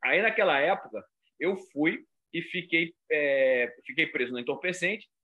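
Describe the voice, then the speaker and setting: Here a male comedian guest from Rio de Janeiro, Brazil, trades casual stories in carioca-accented Portuguese, animatedly performing the voices of his characters. His voice is a little high and husky, his pace moderate, and the audio has a phone-quality sound.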